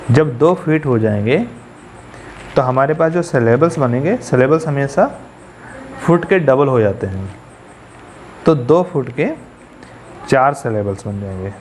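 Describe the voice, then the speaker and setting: A man lectures at a very unhurried pace. He repeats each key term and keeps asking his students questions. Faint room noise sits under his voice. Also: mid-range voice, darkish tone. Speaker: English teacher. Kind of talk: classroom lecture.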